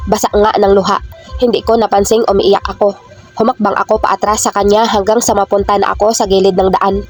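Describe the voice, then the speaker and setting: Woman reading a romance novel, flat. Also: mid-range voice, brisk. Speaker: audiobook reader. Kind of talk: first-person romance novel narration. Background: faint background music.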